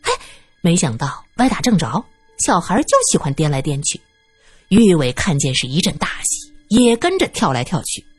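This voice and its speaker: A woman narrating a serialized story with a lively, expressive reading. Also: on the low side, normal speed, husky, dry recording, faint music behind.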